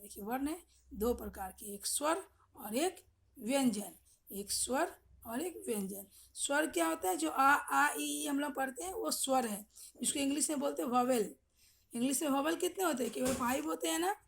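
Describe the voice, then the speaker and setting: A woman's voice: high-pitched, gravelly. A middle-aged woman teacher giving an online class, explaining patiently, repeating questions and checking with the children. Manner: explains slowly, repeats questions, frequent "ठीक है".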